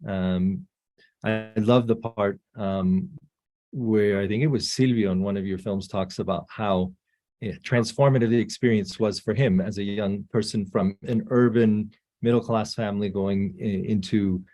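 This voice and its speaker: Dark-voiced hesitant male moderator. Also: lowish voice, fairly even intonation, measured pace, dry recording. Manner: hesitant, many fillers. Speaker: panel moderator. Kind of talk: online panel discussion.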